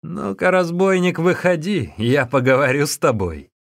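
A burly, arrogant young bully speaks with loud scorn, acted out by a man reading the story. The voice sits raised and pushy, with dry close sound. Storybook reading. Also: fairly high pitch, animated, moderate pace, creaky, smooth, dry recording, voice pushed up. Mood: haughty scorn. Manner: haughty, scornful.

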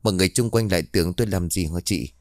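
Man reading a gentle, courteous middle-aged rider, deep and dry. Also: rapid-fire, no room sound.

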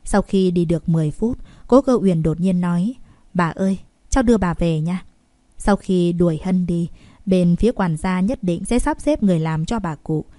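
A woman narrating a story in an even, steady manner. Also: fairly low pitch, moderate pace, dry recording, clean studio sound. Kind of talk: audiobook narration.

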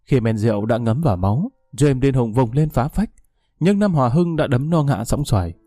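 A man narrates a dramatic story in a measured voice that is warm and mellow. The recording is dry and close. Faint music plays underneath. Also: medium pitch, expressive, no room sound.

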